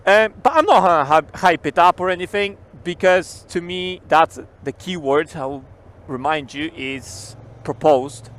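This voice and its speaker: A man's voice: a little high, expressive, a little slow, a bit bright. Chatty man talking inside a motorcycle helmet. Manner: rambling, swears casually, repeats key words. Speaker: motorcycle vlogger. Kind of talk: casual chat while riding. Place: on a motorcycle in city traffic, outdoors.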